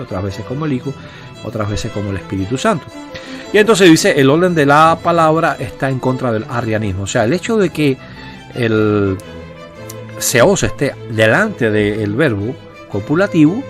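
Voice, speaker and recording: Man explaining grammar with patient asides. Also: medium pitch. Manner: patient, explaining, with frequent "eh" and "¿verdad?" tags. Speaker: Bible grammar teacher. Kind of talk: explanatory lecture.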